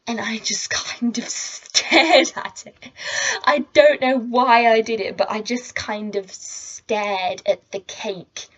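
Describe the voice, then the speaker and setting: A woman's voice: on the high side, highs cut off. A teenage girl telling a story to camera in a chatty, rambling way, full of asides. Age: teens. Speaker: vlogger. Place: indoors at home. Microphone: laptop or camera mic.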